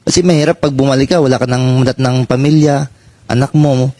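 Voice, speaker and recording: A man, a former marine, giving personal testimony in a halting way and saying "sir" after nearly every phrase. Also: mid-range voice, steady tone, mellow, no echo.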